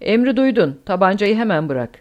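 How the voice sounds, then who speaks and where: A woman voicing a brutal male SS officer who barks his threats loudly, in an audiobook reading. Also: medium pitch, sing-song, fairly quick, dull audio, natural voice. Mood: barking. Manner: loud, barking orders.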